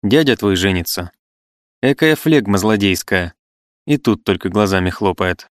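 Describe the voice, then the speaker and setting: A man's voice: fairly low pitch, moderate pace, no echo, studio quality, close to an everyday voice. A man reading the part of a jovial middle-aged landowner bursting with good news. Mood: joyful. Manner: loud, joyful calling out.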